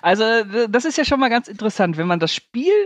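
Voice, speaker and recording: A man's voice: high-pitched, expressive, quick pace, fairly bright tone, no room sound. A man from Germany hosting a film podcast, steering the chat with teasing, crude jokes. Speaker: podcast host. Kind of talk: casual chat.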